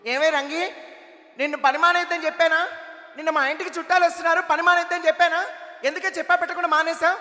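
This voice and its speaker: A man putting on the voice of a bossy housewife scolding her maid in a shrill tone, in a reverberant hall. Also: little pitch movement, quick pace, pushed and bright.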